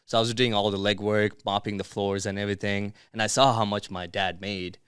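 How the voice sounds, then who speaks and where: Clear and resonant, his lowish voice is a bit bright, a little fast, and shows little pitch movement; the studio sound is clean with no echo. This casual interview guest grew up in Dubai and Miami after being born in Bangladesh, and he talks informally with words like "bro" and "dude."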